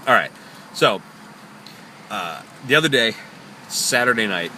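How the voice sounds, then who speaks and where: A man's voice: lowish voice, animated, a little slow, sharp tone, a little hiss or hum. A man, a taxi driver, telling stories in a chatty, jokey, rambling way from his parked cab. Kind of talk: casual storytelling vlog. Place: parked taxi in a parking lot.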